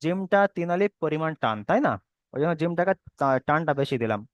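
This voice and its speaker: A man explains a Quran reading lesson step by step, repeating every point with patience. His voice sits a little high and sounds smooth and clear. The recording is dry and close, with no room sound. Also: expressive, no room sound, muffled recording. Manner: patient, repetitive explaining, drawn-out sounds when demonstrating letters. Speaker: Quran recitation teacher.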